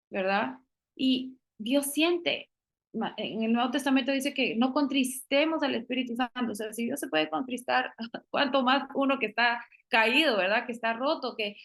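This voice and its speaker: Guest, woman, middle-aged, higher voice, earnest testimony talk, restarts often, slips in English phrases. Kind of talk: casual testimony conversation.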